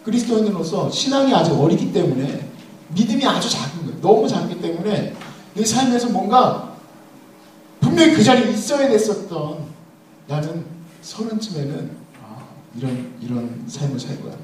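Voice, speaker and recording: A man's voice: sits high, sing-song, normal speed, darkish tone, slight background noise. A man around thirty giving a sermon, telling a funny personal story and speaking straight to his listeners. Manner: humorous storytelling, addressing the audience directly. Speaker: preacher. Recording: echoey hall, mic at a distance.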